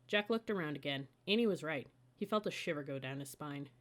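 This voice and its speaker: Reading aloud from a children's book, a woman narrates briskly and with animation, her voice slightly low as she leads listeners from scene to scene.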